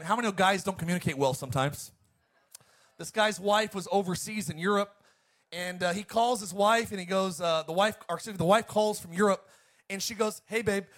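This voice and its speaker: A male pastor preaching an emphatic sermon to his congregation. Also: high voice. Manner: emphatic, preacherly, swings between loud and quiet.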